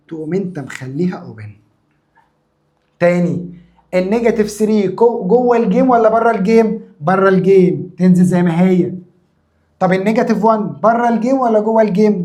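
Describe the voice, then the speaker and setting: A mellow-voiced male math teacher with an Egyptian Arabic accent leads a lesson at a mid pitch for a man. He keeps firing questions at the class and answering them himself, hammering each point home by repeating it. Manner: asks his own questions and answers them, drilling by repetition.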